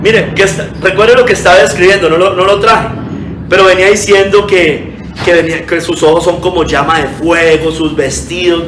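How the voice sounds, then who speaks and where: Pastor guy preaching earnestly, reading scripture out, slightly high voice, echoey room. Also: fairly bright tone, a little hiss or hum. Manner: earnest preaching, addresses hearers as brothers, reads scripture aloud. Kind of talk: sermon.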